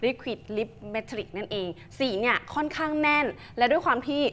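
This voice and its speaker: A woman presenting a cosmetic product on a TV show, explaining it politely and steadily, with soft background noise. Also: on the high side, moderate pace. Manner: polite, uses ค่ะ and นะคะ a lot, explains steadily. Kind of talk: casual product demo chat. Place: TV studio.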